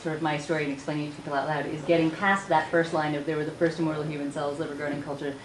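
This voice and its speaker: A woman author speaking on a conference panel, chatty and quick, laughing often. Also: deep voice, little pitch movement. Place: conference room with audience. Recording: echoey conference room with noise.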